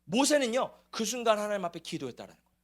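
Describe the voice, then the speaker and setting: A man's voice: sits high, very animated, quick pace. A man preaching a sermon to his church, asking the congregation rhetorical questions. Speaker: pastor. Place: church sanctuary.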